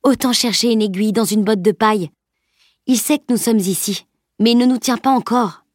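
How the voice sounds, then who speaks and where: A woman's voice: a little high, normal speed, a little mellow, dry recording, clean studio sound, pitched above the performer's own voice, close to an everyday voice. A woman reading an audiobook voices a firm, reasoning teenage girl. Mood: determined.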